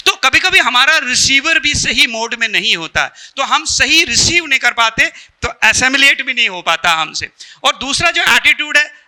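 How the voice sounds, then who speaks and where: Male spiritual speaker, Indian accent, high bright voice, joking storyteller who quizzes the audience. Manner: storytelling with jokes, asks the audience questions. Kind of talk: motivational talk to an audience.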